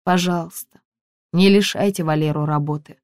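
A woman's voice: sits low, fairly even intonation, moderate pace, no room sound, clean studio sound, natural voice. A woman reading an audiobook, voicing a frightened, agitated village woman who pleads, fusses and cries out. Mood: pleading. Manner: fussing, pleading, shouting.

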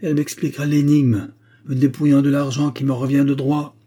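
A man voicing a greedy, bad-tempered grocer in an audiobook, snarling and shouting. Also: medium pitch, level tone, brisk, voice pushed up, natural voice.

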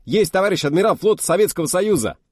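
A man voicing an eager young male officer who barks out crisp military reports. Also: on the high side, animated, fast talker, darkish tone, dry recording, clean studio sound, pitched above the performer's own voice. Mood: zealous.

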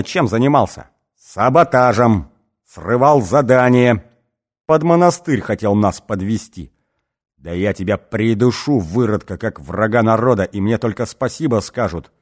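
A man voicing a brutal, drunken male gang boss in an audiobook, shouting and snarling threats. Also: medium pitch, natural voice. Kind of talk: audiobook character voice.

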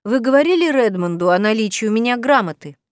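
Woman reading as a bright, self-assured heroine. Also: a little high, animated, fast talker, clear, resonant tone, no echo, clean studio sound, close to an everyday voice. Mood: upbeat. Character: cheerful, self-assured young woman helper. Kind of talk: audiobook character reading.

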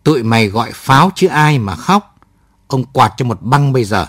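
A man voicing a rough, hot-tempered male guerrilla soldier who talks in a gruff, scolding way, in a dry, close recording. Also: mid-range voice, lively intonation, unhurried, no room sound. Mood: angry.

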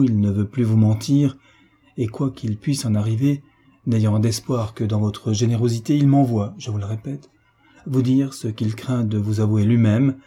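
Man playing a low, dark-voiced earnest young gentleman, audiobook. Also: husky. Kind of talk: audiobook character reading.

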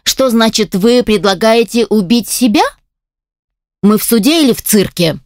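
A woman playing a male defense lawyer in a fantasy audiobook, indignant and quick to object. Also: fairly high pitch, darkish tone, dry recording, studio quality, natural voice. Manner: protesting, indignant.

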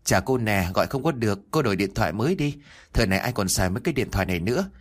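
A man's voice: lowish voice, expressive. A man voicing a frightened young office woman. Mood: irritated. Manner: pleading, rushed.

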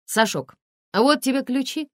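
A woman's voice: sits high, animated, measured pace, a bit bright, no echo, studio quality, voice pushed up. A woman voicing a jovial, sly male police lieutenant colonel who mocks people in folksy banter. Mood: jovial mocking.

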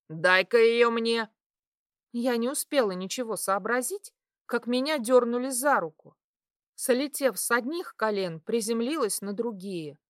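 Woman narrator, first-person novel, slow steady reading, dry close voice. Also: on the high side, no room sound. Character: young satyr woman, fierce and defiant. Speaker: audiobook narrator.

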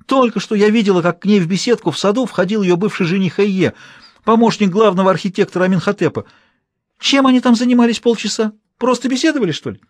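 A man voicing a jealous young maidservant in an audiobook, shrill and pleading. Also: quick pace, dry recording, natural voice. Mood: desperate.

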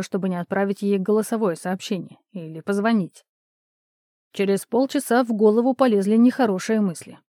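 Mellow-voiced woman reading a novel. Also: medium pitch, dry recording, clean studio sound. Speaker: audiobook narrator. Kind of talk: scripted audiobook narration.

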